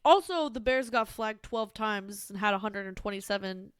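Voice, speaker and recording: A woman's voice: medium pitch, normal speed, smooth, no echo, studio quality. A woman co-hosting a football podcast in loose, rambling chat, full of fillers and casual swearing. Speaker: podcast co-host.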